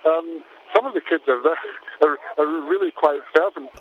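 A male correspondent giving a news report by mobile phone, speaking haltingly with frequent fillers and restarts, heard over a tinny phone line. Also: fairly high pitch, a little hiss or hum.

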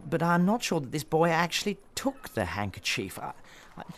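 A man voicing a gentle, hesitant old gentleman who stammers in a storybook reading. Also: on the high side, big pitch swings, moderate pace, pitched above the performer's own voice. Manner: stammering, reluctant.

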